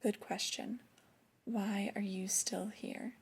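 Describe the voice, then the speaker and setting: Here the same kind of flirty, let-down shop boss is voiced by a woman in an exaggerated, mid-range, steady tone, stern and disappointed. It's an ASMR roleplay in which she chides a worker slowly and closely, breathy and frequently whispering.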